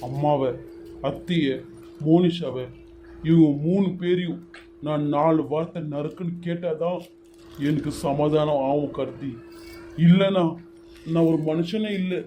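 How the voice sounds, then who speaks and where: A stubborn husband, played by a man, taking his mother-in-law's side in a homemade serial drama. He talks firmly and scolds, in a slightly high voice with faint noise in the background. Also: a little slow, pauses often, dark tone, natural voice. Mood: consoling. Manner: firm, scolding.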